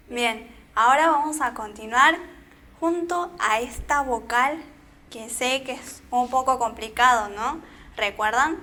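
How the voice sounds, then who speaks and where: A woman teaching a beginner language class with an Argentine accent, drilling syllables slowly and checking in with her students after each step. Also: fairly high pitch, bright, forceful tone. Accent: Argentine Spanish. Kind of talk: slow, patient beginner language lesson.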